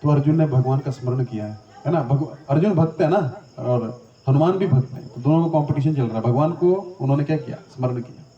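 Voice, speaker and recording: Speaking a little fast in a medium-pitched, dark-toned voice, this man gives a scripture lecture as a storyteller and spiritual teacher. His manner is conversational, with frequent questions put to the audience, and the audio sounds distant, roomy and dull lo-fi.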